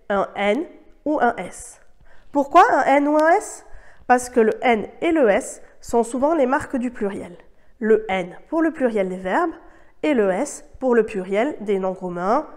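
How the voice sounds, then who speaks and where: A woman whose first language is French, giving a scripted online Spanish lesson in a clear, measured way and modeling the words. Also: a little high, a little mellow. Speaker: Spanish teacher.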